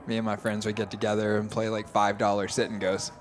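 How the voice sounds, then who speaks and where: A young man commentating a live poker stream in a relaxed, analytical way. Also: lowish voice, quick pace. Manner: easygoing, analytical. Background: crowd chatter of a poker room.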